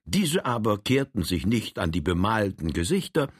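A man narrating an adventure story in a steady storytelling manner. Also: on the low side, normal speed, husky, dry recording, studio quality. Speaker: audiobook reader. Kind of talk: scripted narration.

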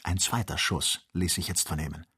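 A man reading an audiobook, narrating with steady, vivid storytelling. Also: low voice, moderate pace, breathy edge. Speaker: audiobook reader. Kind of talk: scripted narration.

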